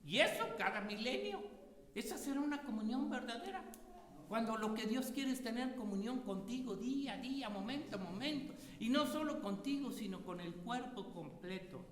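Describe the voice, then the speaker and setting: A man preaching a sermon to his congregation, animated and firing rhetorical questions at his listeners. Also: very high voice, normal speed, a little hiss or hum. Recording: echoey hall with long reverb.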